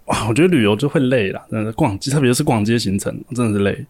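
A young man with a Taiwanese Mandarin accent co-hosts a casual podcast and talks at a quick clip. He tells his stories in an animated way, laughing as he goes. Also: mid-range voice, husky. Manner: animated storyteller, acts out quotes with laughs. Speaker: podcast co-host. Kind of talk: casual chat, storytelling.

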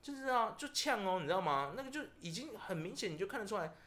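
A fairly high-voiced man with a Taiwanese Mandarin accent, hosting a casual podcast chat. His pitch swings widely as he rants and tells stories with lots of feeling. He sounds like an excited storyteller. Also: fast talker. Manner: animated, ranting storyteller. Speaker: podcast host.

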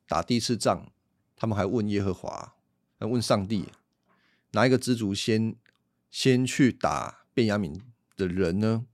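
A man's voice: lowish voice, measured pace, pauses often, dry recording. Conversational man teaching. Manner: conversational, explanatory, rhetorical questions. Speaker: Bible teacher. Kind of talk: casual Bible teaching podcast.

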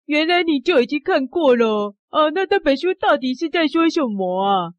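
A woman's voice: sits high, lively intonation, normal speed, no echo, lo-fi sound. A woman hosting a children's radio play, playful and exclaiming. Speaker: host.

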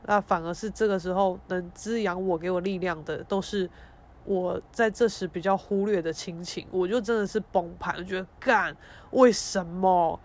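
A young woman hosts a podcast. She tells stories in a frank, expressive, emotional way and swears casually. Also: fairly low pitch, moderate pace. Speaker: podcast host. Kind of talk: casual storytelling monologue.

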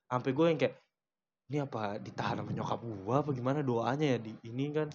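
A young man chatting casually as a podcast co-host, telling stories and teasing his friends in slangy talk. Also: mid-range voice. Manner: teasing, storytelling, quick slangy Jakarta talk. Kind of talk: casual chat. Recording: slightly dull podcast recording with faint noise.

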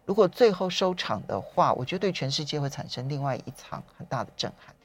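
A woman's voice: low voice, animated, quick pace, breathy edge. A woman with a Taiwanese Mandarin accent hosting a current affairs talk show, conversational and posing questions with pointed asides. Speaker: radio talk show host.

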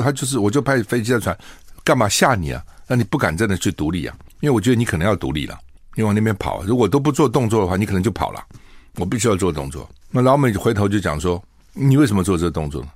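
Older male host with a Taiwanese Mandarin accent, low-pitched and dry, chatting through political commentary. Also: no echo. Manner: conversational, rhetorical questions, acts out both sides.

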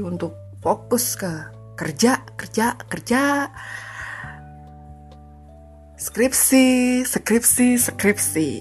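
A woman in her thirties hosting a casual solo podcast, chatty and confessional, often laughing and slipping into English phrases. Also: medium pitch. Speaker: podcast host.

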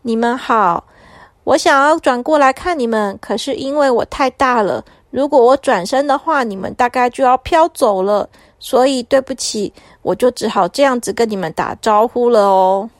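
A woman voicing a huge but young and bashful whale who speaks slowly and gently. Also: fairly high pitch, dry recording, clean studio sound, natural voice. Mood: gentle. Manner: slow, bashful.

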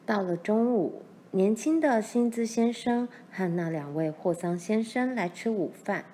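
A woman narrating a children's novel chapter in a calm, even storytelling manner. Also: medium pitch, unhurried, slight background noise. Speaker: audiobook reader.

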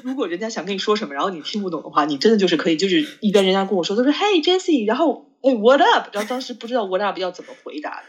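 A woman's voice: mid-range voice, expressive, very fast, few pauses, slightly rough, muffled recording. A woman co-hosting a podcast, chatting casually with a friend, rambling with many fillers and restarts. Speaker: podcast co-host. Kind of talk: casual chat between friends.

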